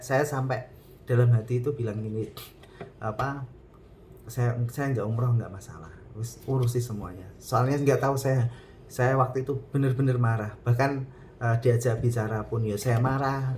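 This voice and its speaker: A man's voice: mid-range voice, fairly even intonation, moderate pace, a little mellow, slight background noise. A man telling a personal story in a casual, hesitant way, often restarting his sentences.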